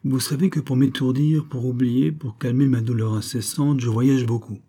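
A man's voice: mid-range voice, fairly even intonation, moderate pace, mellow, voice pushed up, lightly acted. A man voicing a scheming villainous count who feigns emotion in theatrical exclamations, read in an audiobook.

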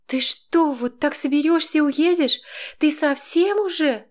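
A man voicing a nervous, quarrelsome young mother who pleads and shouts at her husband in an audiobook. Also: moderate pace. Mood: angry. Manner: pleading, then shrill and shouting.

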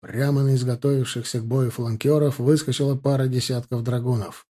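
Male audiobook narrator, mellow and husky, steady delivery. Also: medium pitch, fairly quick. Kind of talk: scripted narration.

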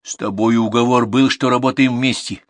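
A man's voice: mid-range voice, fairly even intonation, normal speed, no echo, pitched above the performer's own voice, lightly acted. A male audiobook reader voicing a blunt, hot-tempered young cattle herder who speaks curtly and in anger. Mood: angry. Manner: curt, angry, shouting at times.

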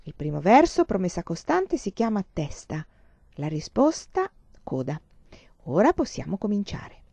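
A woman voicing a patient young woman who gently explains and quizzes a child. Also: medium pitch, sing-song, unhurried, vocal fry, husky, no room sound, exaggerated voice. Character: patient young woman teaching a word game.

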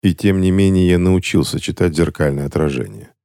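Man reading a hoarse, worn-out captive, low and dark, wry, storybook audiobook. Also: brisk, no room sound, studio quality. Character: hoarse weary imprisoned man behind a mirror. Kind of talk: audiobook character voice.

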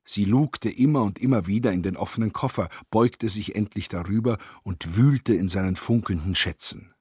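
Grave, low-voiced male narrator. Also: normal speed, a little mellow, husky, dry recording, studio quality. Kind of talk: scripted radio drama narration.

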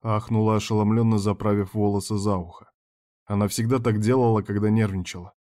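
Low dark-voiced male audiobook narrator. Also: fairly even intonation, fairly quick. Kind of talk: first-person audiobook narration.

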